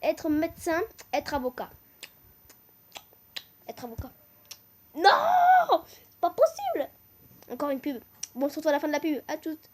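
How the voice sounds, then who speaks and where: A woman hosting a gaming channel, reading would-you-rather choices aloud in a casual way and breaking into excited shouts, with a teasing catchphrase she keeps repeating. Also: high voice, moderate pace, pauses often.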